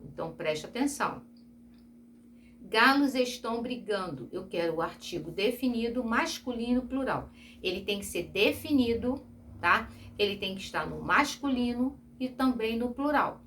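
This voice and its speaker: A woman's voice: mid-range voice, fairly bright tone, slight background noise. Patient Brazilian woman teaching grammar. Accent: Brazilian Portuguese. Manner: patient, repeats and spells out examples with frequent check-ins. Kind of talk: recorded Portuguese grammar review lesson.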